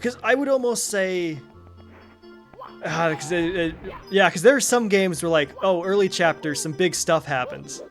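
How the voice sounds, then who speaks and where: A man co-hosting a game stream, playing and chatting casually, quick to laugh. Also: sits high, expressive, faint music behind. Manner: giggly, quick to laugh at his partner. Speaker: streamer co-host.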